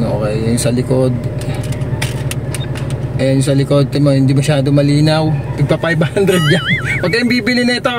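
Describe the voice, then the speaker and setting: A Filipino man with a slightly high voice talks over heavy engine and machine noise inside a car. He sounds like an informal vlogger showing viewers around, hesitating and circling back over his words. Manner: informal, hesitant, repeating himself. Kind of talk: casual walk-through of a car to camera.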